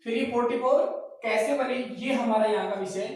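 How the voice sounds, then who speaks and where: A man's voice: extremely high pitch, brisk. A man teaching a class who asks his own questions, answers them, and repeats each key point. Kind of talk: classroom lecture. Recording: very echoey room, mic far off.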